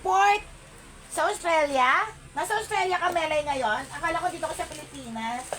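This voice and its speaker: High-voiced woman running a live sale. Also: moderate pace, fairly bright tone, slight background noise. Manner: chatty, greets viewers by name, calls out item codes and prices; mixes English into her talk. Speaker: online live seller. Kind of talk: live-selling stream chat.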